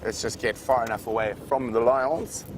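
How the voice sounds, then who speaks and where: A man's voice: mid-range voice, fairly even intonation, moderate pace. Male safari guide on a noisy savanna game drive. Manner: unscripted, conversational explaining. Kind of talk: live savanna safari commentary, explaining wildlife to viewers. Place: outdoors in an open safari vehicle in the bush. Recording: noisy outdoor vehicle ambience.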